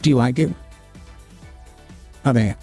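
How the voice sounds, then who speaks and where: Woman through a deep pitch-shifting voice changer. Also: measured pace, warm tone, faint music behind. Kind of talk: casual livestream chat.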